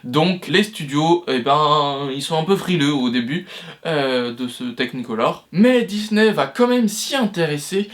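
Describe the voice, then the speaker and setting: A young man hosts a casual history lesson about cinema. His voice sits a touch high for a man, and he keeps pausing, restarting and filling gaps as he explains. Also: animated. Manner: loose, hesitant delivery full of fillers and restarts. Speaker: history of cinema video host. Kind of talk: casual educational talk.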